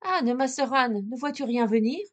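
A woman voicing a frightened young wife, pleading in high, slow, drawn-out calls in a storybook reading. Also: natural voice.

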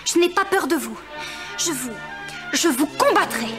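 Mermaid princess: youthful, earnest, brave, very high and unhurried, storybook drama. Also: female voice, lively intonation, over music. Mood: defiant. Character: brave, tender young mermaid princess in love. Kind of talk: dramatized children's audio story acting.

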